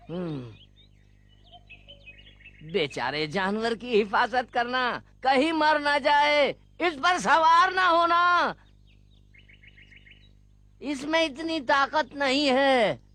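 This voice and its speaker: A fussy old man who frets and rambles through his worries. His voice sits high and bright, and he talks at an unhurried pace. It sounds like a clean studio film dub. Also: exaggerated voice. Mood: fussing. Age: older. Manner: fussy, rambling, repeats himself. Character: frail old man, a fussy, doting donkey owner. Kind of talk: Urdu film dubbing. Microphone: studio dubbing mic.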